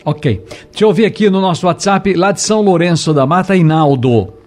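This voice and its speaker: A male radio host who briskly takes callers and guides them along. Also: high-pitched, a little mellow. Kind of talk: radio call-in hosting.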